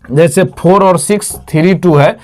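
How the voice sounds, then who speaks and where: A man's voice: high-pitched, normal speed, a little mellow. A man teaching a math lesson, repeating each term and asking and answering his own questions. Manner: repetitive, quizzes himself with questions and answers.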